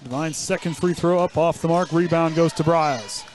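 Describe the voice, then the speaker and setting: A man calls a high school basketball game play by play, his voice a touch high for a man. Between plays he teases his co-hosts in a joking tone. He is broadcasting from a school gym. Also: fairly even intonation, normal speed, a little mellow. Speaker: play-by-play announcer. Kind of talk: live basketball commentary.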